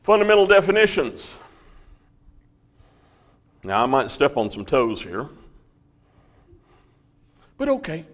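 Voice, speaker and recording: A man with a mid-range, sing-song voice teaches a Bible lesson in a big-sounding room. He speaks slowly and keeps checking in with the class, asking "right?" and "okay?" often.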